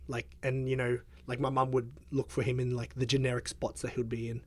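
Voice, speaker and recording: A man's voice: mid-range voice, level tone, a little fast, no echo. A young man, a guest in a casual interview, talking hesitantly with lots of fillers. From Australia. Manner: hesitant, filler-heavy, soft-spoken.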